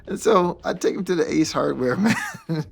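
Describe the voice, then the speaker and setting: A man, a musician guest, telling stories in a casual, animated way, laughing often and acting out the voices of people he quotes. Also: a little high, normal speed, gravelly. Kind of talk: casual anecdotal storytelling.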